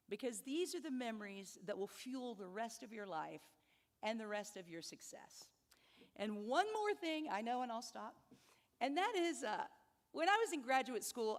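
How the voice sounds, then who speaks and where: A woman in her fifties giving a speech to new students, telling personal stories in an animated, humorous way. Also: on the high side, long reverb tail. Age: 50s. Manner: storytelling, animated, laughs at her own stories. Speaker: convocation speaker.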